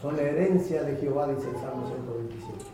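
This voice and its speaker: A male pastor preaching a sermon, lively, acting out the voices of parents and children he quotes. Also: medium pitch, fairly quick. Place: church. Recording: echoey church hall, mic at a distance, congregation audible.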